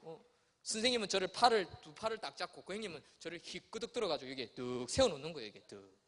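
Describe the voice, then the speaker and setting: A man's voice: fairly high pitch, animated, fast, a bit bright. A male pastor telling a childhood story in his sermon, acting out voices. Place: church sanctuary. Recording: long church hall reverb.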